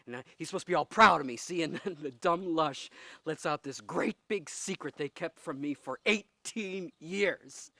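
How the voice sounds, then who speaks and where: An actor playing a volatile film director who stammers and bursts into shouting. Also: male voice, a little high, dry recording. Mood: bitter.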